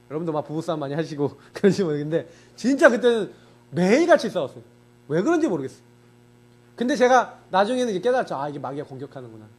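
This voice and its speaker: A middle-aged male pastor preaching in a high, bright voice. His pitch swings widely as he tells personal stories. He keeps it conversational and acts out his own thoughts with emphatic asides. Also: breathy edge. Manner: animated, conversational preaching with frequent emphatic particles. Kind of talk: sermon with personal anecdotes.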